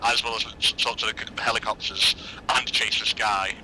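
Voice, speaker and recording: Male military gamer, quick delivery, radio procedure mixed with loose banter, clear vehicle drone behind. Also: fairly low pitch. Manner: procedural radio jargon, casual swearing. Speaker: military game player acting as radio operator. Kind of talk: military radio calls and casual team chat in a game. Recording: steady vehicle engine noise.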